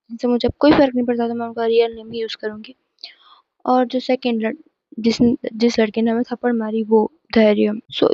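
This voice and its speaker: A woman's voice: a little high, creaky, no room sound, lo-fi sound. A teenage girl casually telling a personal school story to her viewers, emphatic and chatty. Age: teens. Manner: chatty, emphatic retelling with frequent restarts.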